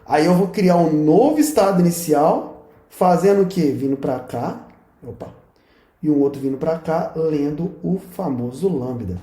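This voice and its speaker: A man's voice: a little high, expressive, a little slow, dark tone. A man with a Brazilian accent giving a university lecture at a whiteboard, joking and pointing as he explains. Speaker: university professor. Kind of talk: recorded classroom lecture at a whiteboard. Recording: echoey room sound.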